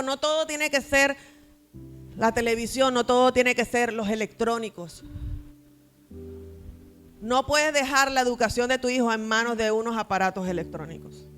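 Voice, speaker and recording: Emphatic woman pastor preaching over faint music. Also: fairly high pitch. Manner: emphatic preaching, acts out family dialogues. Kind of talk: sermon.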